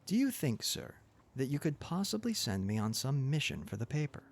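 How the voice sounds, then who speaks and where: Man playing an eager, lively young newspaper reporter. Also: medium pitch, moderate pace, voice pushed up. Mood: eager, pleading. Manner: earnest, deferential, keen.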